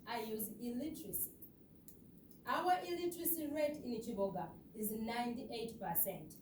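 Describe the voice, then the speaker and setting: A woman's voice: on the high side, moderate pace, a little mellow, slight background noise. A woman from Uganda with a Ugandan accent, giving an earnest, emphatic conference presentation with rhetorical questions to the audience. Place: lecture hall. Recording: echoey hall, far off.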